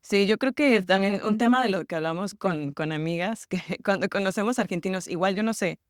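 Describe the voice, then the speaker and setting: A woman from Mexico with a Mexico City accent, a podcast guest speaking thoughtfully with frequent pauses and small laughs. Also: medium pitch, no room sound, clean studio sound. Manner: thoughtful, reflective, hesitant with fillers and laughs. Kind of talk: casual podcast conversation.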